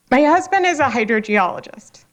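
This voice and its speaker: A woman's voice: high-pitched, a bit bright. Emotional woman speaking at a public hearing. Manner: halting, with many fillers and restarts. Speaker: public commenter.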